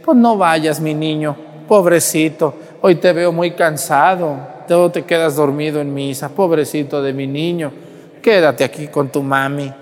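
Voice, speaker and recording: A man's voice: fairly high pitch, steady tone, a little slow, natural voice. A man voicing a doting, overprotective mother with a Mexican accent, cooing over her son. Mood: coddling. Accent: Mexican Spanish. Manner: cooing, pampering. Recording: echoey church with long reverb.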